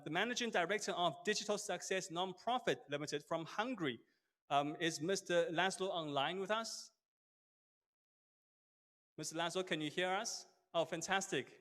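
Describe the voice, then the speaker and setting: A man moderates a hybrid seminar in a polite, formal manner, often pausing on hesitant fillers. His voice sits slightly high for a man. It rings with the long reverb of a big studio hall. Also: fairly bright tone. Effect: big hall echo. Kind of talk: formal event hosting.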